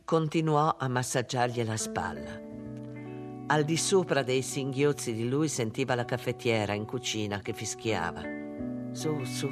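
Guy reading a story slow and hushed, mid pitch, soft music behind. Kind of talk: audiobook narration.

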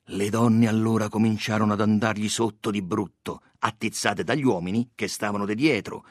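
A man reading a story aloud in a dramatic, expressive way. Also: lowish voice, normal speed, no room sound, studio quality. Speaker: narrator.

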